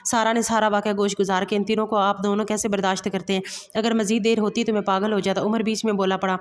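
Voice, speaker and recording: A woman reads a romantic novel aloud in an even, level tone, keeping the same pace through narration and dialogue. She slips and restarts now and then. Her voice carries a long reverb, as if recorded in a large hall. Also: mid-range voice, fast. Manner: even, steady reading with occasional slips and restarts. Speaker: storyteller.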